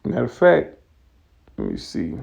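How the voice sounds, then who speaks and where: A man teaching scripture in a loose, conversational way, slowing down to read verses aloud. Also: medium pitch, huge pitch swings, creaky, a little mellow. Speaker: religious teacher.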